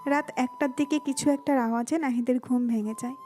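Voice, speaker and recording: High-voiced woman narrating a story. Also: fairly even intonation, brisk, mellow, soft background music. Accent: Bengali. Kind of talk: scripted narration.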